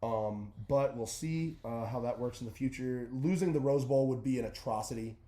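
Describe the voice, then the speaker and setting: A young man talks sports on a podcast in an easy, rambling way, stopping often for ums and restarts. His voice sits at a middling pitch. The room gives it a noticeable echo. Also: moderate pace, dark tone. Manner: rambling, hesitant with many fillers. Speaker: podcast host. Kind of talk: casual sports podcast chat. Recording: roomy echo.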